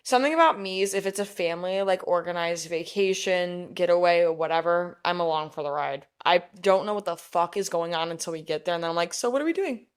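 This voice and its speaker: A woman's voice: lowish voice, brisk, few pauses, clean tone. A woman co-hosting a podcast, telling a weekend story in casual chat, rambling with lots of "like" and frequent swearing. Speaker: podcast co-host.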